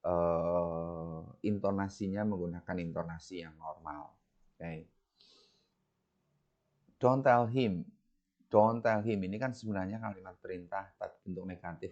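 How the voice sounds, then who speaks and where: A man with an Indonesian accent teaches English grammar in a bilingual lecture, patiently explaining and reading the English examples aloud. His deep voice is creaky and a little mellow, in a dull, lo-fi recording.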